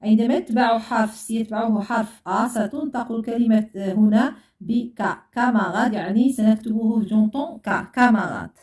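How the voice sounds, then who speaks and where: A woman's voice: fairly high pitch, fairly quick, darkish tone. A woman teaching a French lesson, patiently repeating and spelling out sounds for pupils. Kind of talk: classroom lesson. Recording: echoey room, voice far from mic.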